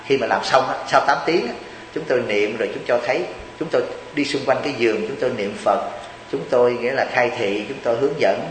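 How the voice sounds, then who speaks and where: A man's voice: mid-range voice, quick pace, roomy sound, big-room sound, a little hiss or hum, low-quality recording. A Buddhist monk from Vietnam gives a chatty, joking sermon, teasing his listeners and asking them rhetorical questions.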